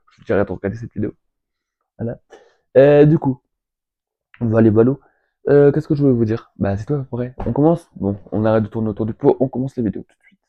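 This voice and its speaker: A man talks straight to his viewers in a loose, rambling way, full of fillers and side remarks, now and then reading tips off a screen. His voice sits at an ordinary middle pitch. The recording sounds slightly dull and lo-fi. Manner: chatty, rambling with fillers and asides. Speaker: vlogger. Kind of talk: casual vlog, reading tips aloud.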